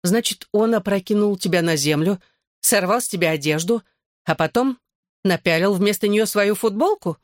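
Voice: normal speed, no echo, studio quality, natural voice. A reader voicing a frantic, overprotective mother who accuses a boy. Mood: suspicious. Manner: shrill and accusing. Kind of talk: audiobook dialogue.

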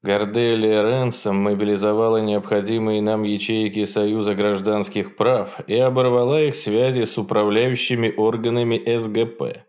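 A man's voice: fairly low pitch, level tone, moderate pace, hardly any pauses, a little mellow, natural voice. A man voicing a dry, faintly ironic male political leader in an audiobook reading.

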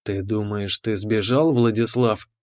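A man's voice: on the low side, fairly even intonation, unhurried, voice pushed down, lightly acted. A man voicing a cold, mocking female villain who taunts from inside the hero's head.

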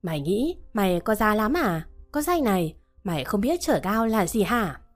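A woman's voice: mid-range voice, big pitch swings, moderate pace, faint music behind, close to an everyday voice. Woman reading as a bullying middle-aged man. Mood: abusive. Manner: abusive, blustering.

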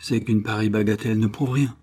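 A proud teenage forester with a cocky, mocking way of talking, as a male reader puts him on. The voice is low and dark with a husky edge. He belongs to a read-aloud adventure tale. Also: fairly even intonation, fast.

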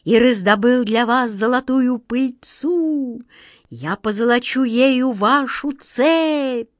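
A woman's voice: a little high, animated, unhurried, dry recording, clean studio sound. A woman doing a sing-song little wind boy. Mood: coaxing. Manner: sing-song, light and soft. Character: small playful wind boy, eager to please.

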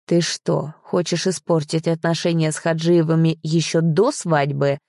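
A woman's voice: low voice, little pitch movement, measured pace, mellow, no room sound, clean studio sound. Woman doing an angry, hissing stern father. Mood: menacing. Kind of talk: audiobook character voice.

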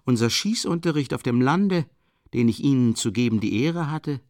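A man voicing a cynical, mocking gentleman villain with smooth irony in an audiobook reading. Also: mid-range voice, expressive, normal speed, dry recording, studio quality, voice pushed up, natural voice.

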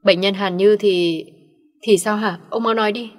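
A woman's voice: mid-range voice, fairly even intonation, moderate pace, close to an everyday voice. A woman voicing an elderly father over sixty who demands answers urgently and sternly. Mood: agitated. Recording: long reverb.

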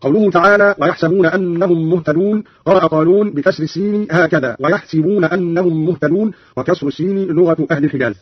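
Male radio presenter, fast and exact in his explanations, slightly raspy voice, dry lo-fi broadcast sound. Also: a little high, no echo. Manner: brisk, precise explanatory delivery quoting verses.

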